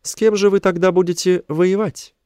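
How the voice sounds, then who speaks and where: A man's voice: high voice, moderate pace, smooth, no room sound, studio quality, voice pushed up, natural voice. A man doing a mocking catlike alien chief. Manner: mocking, war-loving, calm. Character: cunning furry catlike male alien chief. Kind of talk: audiobook character voice.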